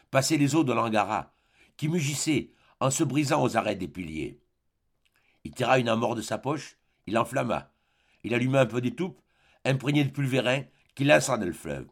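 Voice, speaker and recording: Gravelly male audiobook narrator. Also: medium pitch. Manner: measured, dramatic.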